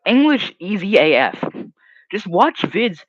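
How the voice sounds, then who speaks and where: There's a high, unhurried voice here from a young man who hosts a livestream and whose first language is Hebrew. He chats loosely while going through comments, animated and rambling, sometimes fading to a mumble. The recording is dry and a bit muffled, from a home mic.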